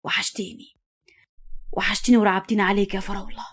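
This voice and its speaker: A woman voicing a scheming, possessive man who talks to his beloved in a low, hushed Egyptian Arabic voice. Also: flat delivery, quick pace, natural voice. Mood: tender.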